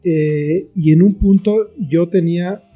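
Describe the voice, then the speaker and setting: Here the same kind of guest, a children's author and screenwriter, has a high-pitched, dark-toned voice and takes his time. He works through his thoughts reflectively, in brief phrases backed by examples, over quiet background music.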